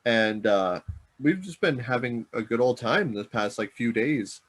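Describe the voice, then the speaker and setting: Man, middle-aged, husky, rambling podcast co-host, casual chat. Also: mid-range voice, lively intonation, unhurried, a bit bright. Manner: rambling, self-correcting, chuckling.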